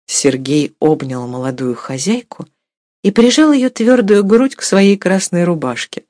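A woman narrating a classic story aloud as an audiobook reader, with expressive, varied delivery. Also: fairly low pitch, unhurried, dry recording, clean studio sound.

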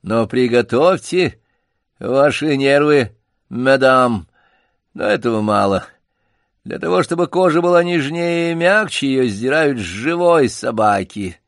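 A man voicing a pompous old male circus poodle who lectures slowly with showy pauses. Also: mid-range voice, expressive, no room sound, clean studio sound, voice pushed up. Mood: lofty, lecturing.

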